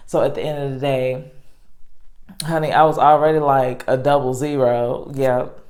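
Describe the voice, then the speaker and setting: Low-voiced woman vlogging casually. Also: flat delivery, normal speed, a little mellow, a little hiss or hum. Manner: rambling, filler-heavy, self-interrupting. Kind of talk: casual chat to camera.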